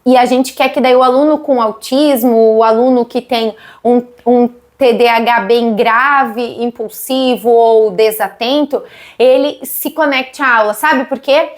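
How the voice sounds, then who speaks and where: A woman's voice: on the high side, steady tone, unhurried. A woman in her thirties with a Brazilian Portuguese accent, explaining literacy teaching and asking her viewers questions. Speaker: literacy educator.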